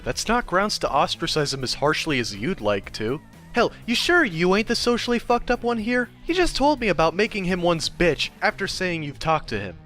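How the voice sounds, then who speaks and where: A man's voice: fairly high pitch, a bit bright. A man giving a mock dramatic reading with sarcastic commentary asides, in a theatrical manner. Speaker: commentary video narrator.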